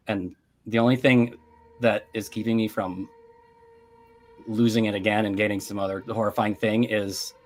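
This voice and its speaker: A man playing a tabletop horror game, describing his character's actions in halting, self-correcting speech. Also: lowish voice, a bit bright. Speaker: player. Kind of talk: tabletop role-play.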